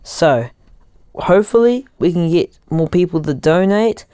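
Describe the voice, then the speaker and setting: Young guy doing casual roblox-style gaming commentary on headphones as a mic, slow and halting, clear smooth voice. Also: sits high, animated, warm tone, no room sound, clean studio sound. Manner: halting, thinking aloud while typing. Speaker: gaming YouTuber. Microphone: headphones used as mic.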